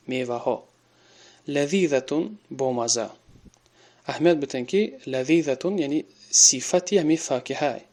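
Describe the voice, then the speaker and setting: A man with a Tajik accent teaching an Arabic lesson. He reads each Arabic example slowly and carefully, then explains it in his own language. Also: medium pitch.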